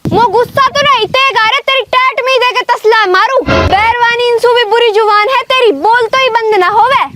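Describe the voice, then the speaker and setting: A woman's voice: very high-pitched, moderate pace, loud music behind the voice. A woman playing a harassed young village woman, complaining indignantly in a village comedy skit. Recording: loud background noise.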